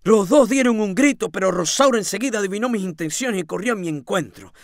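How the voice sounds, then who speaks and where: A man giving a dramatic first-person reading of a novel, swinging from hushed tones to shouting. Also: sits high, fast, gravelly, dry recording, studio quality. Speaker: audiobook reader.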